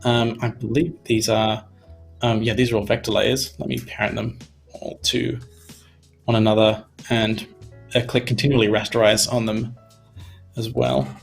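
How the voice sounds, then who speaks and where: A young Australian animation instructor talks through a lesson on a casual live stream from a desk in his home studio, relaxed and chatty with many fillers like "you know." His voice is gravelly, fairly low in pitch and tiring, at a moderate pace. Soft music plays faintly underneath.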